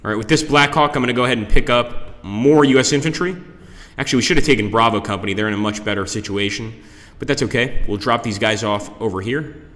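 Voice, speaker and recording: Guy livestreaming a game, bright forceful voice, echoes like he's in a cave, talking to chat. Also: mid-range voice, fast. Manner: talks to viewers, greets them by name. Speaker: live streamer, game commentator. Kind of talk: casual live gameplay commentary. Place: conference room, indoors. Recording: echoey cave-like conference room with long reverb.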